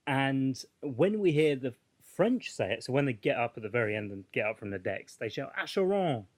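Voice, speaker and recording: A man chatting on a film podcast, his pitch swinging up and down as he jokes. He swears freely and laughs often. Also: expressive, fairly quick. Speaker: podcast co-host. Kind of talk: casual chat.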